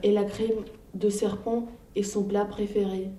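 A woman's voice: medium pitch, little pitch movement, a little slow, mellow, natural voice. A woman voicing a small, clever, bold mouse who tricks others in a storybook reading. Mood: sly. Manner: cunning, confident, teasing. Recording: roomy, distant, faint noise.

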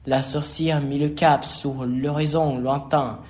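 A man reading a rhymed children's storybook aloud, slow and expressive. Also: on the high side.

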